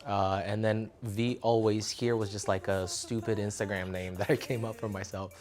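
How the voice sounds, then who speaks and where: Low-voiced young man chatting loosely. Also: normal speed, a little hiss or hum. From Russia. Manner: relaxed, rambling, with many fillers. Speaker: musician being interviewed. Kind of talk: casual interview talk.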